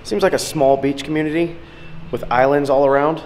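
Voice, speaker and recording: A man's voice: on the high side, steady tone, a little fast, a little mellow. A man in his thirties chatting casually to a handheld camera as a travel vlogger, mostly outdoors. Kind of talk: casual vlog talk to camera. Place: mostly outdoors by windy seaside. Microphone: handheld camera at arm's length. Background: wind, music.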